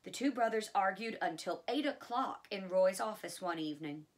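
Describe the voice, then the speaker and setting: A woman reads a biography aloud at an easy pace, now and then adding casual asides of her own. Her voice sits at a medium pitch. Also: normal speed. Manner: relaxed, with chatty asides. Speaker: audiobook reader.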